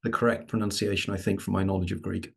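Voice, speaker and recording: Male guest author, low gravelly husky voice, flat delivery, self-deprecating. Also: fast. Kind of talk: casual interview chat.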